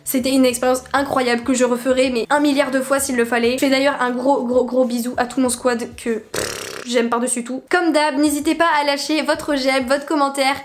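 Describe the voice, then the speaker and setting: A young woman giving casual vlog advice, chatty and animated, telling stories with laughs and exaggeration. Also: high-pitched, a little fast, a little hiss or hum. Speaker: vlogger.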